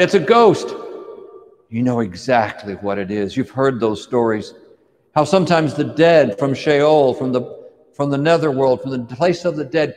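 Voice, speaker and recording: A man's voice: medium pitch, a little mellow, big-room sound. A man preaching, retelling a scripture story vividly in the second person and drawing the listener into the scene. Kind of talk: dramatic sermon storytelling.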